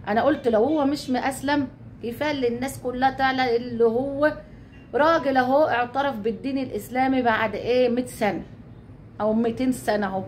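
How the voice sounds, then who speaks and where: A woman's voice: sits high, steady tone, fast talker, darkish tone, slight background noise. An Egyptian woman talking casually to her viewers, chatty, swearing oaths and calling them her dear ones. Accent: Egyptian Arabic. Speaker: YouTube channel host.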